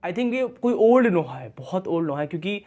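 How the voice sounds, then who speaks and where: A man's voice: sits high, very animated, fairly quick, mellow. A young man hosting a reaction video, explaining things in casual commentary and mixing English words into his talk. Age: young adult.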